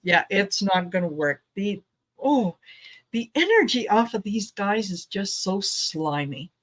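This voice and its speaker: A woman at an unhurried pace, middle-pitched, hosting a tarot reading chat. She talks slowly and loosely, sometimes slipping into little put-on quotes of other people. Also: lively intonation. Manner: slow, chatty, acts out quoted voices. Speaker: tarot reader host.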